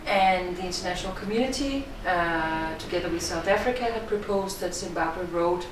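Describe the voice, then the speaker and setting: A middle-aged woman from Denmark with a Danish accent, a film director giving measured, thoughtful interview answers. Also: fairly low pitch, noisy background. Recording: echoey room, distant mic.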